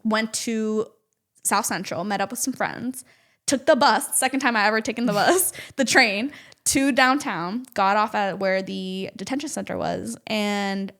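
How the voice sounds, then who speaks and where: A woman guest on a casual podcast, telling her story in an animated way and often saying "like". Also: mid-range voice, a little slow. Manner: animated storytelling, heavy use of "like". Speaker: podcast guest, nonprofit advocate and activist.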